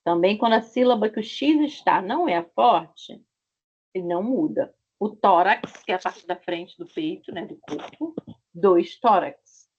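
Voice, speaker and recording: A woman, teaching Portuguese in an online lesson, explaining slowly and patiently with repeated examples over a video call. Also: medium pitch, lively intonation, a little mellow, slightly rough. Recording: dull lo-fi video call audio.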